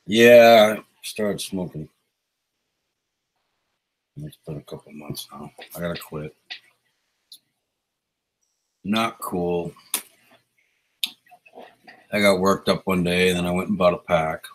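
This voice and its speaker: A man's voice: sits low, takes it slowly, pauses often, poor audio. A man hosting a casual live stream, rambling in a laid-back way and greeting viewers by name, on a small novelty mic. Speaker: livestream host. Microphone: small novelty microphone.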